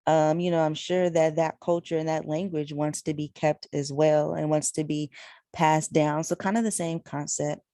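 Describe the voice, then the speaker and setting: A woman's voice: low-pitched, fairly even intonation, normal speed, warm tone, dry recording, studio quality. A woman interpreting a signed discussion aloud, relaying each speaker in the third person with frequent fillers. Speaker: sign language interpreter. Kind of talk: voicing signed conversation.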